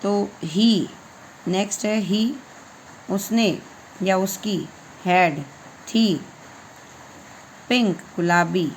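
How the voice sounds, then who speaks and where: An English teacher runs a patient reading lesson, spelling out each English word letter by letter and then translating it. Her mid-pitched voice moves at a very slow, deliberate pace. The recording is low quality, with a faint hum of background noise.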